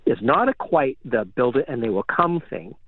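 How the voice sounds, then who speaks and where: A man's voice: mid-range voice, animated, normal speed, dry recording. A man, a recording engineer guest, telling rambling stories full of fillers over a phone line. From Canada. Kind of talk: casual storytelling. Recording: tinny phone line, dry.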